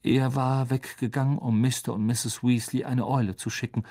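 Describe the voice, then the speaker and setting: A reader narrating an audiobook in a slow, expressive style. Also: mid-range voice.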